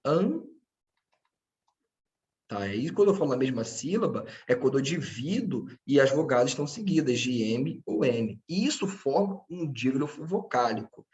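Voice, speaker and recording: Speaking at a medium pitch over dull-sounding audio, a man walks his class through grammar. He talks straight to the students, staying patient and frequently making sure they follow.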